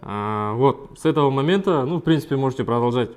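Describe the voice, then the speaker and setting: A man from Kazakhstan talks quickly in a medium-pitched voice. He sounds like a lawyer giving practical advice, polite and matter-of-fact. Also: lively intonation, darkish tone, faint music behind. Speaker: lawyer and host of an advice video. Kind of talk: explanatory talk and calm negotiation.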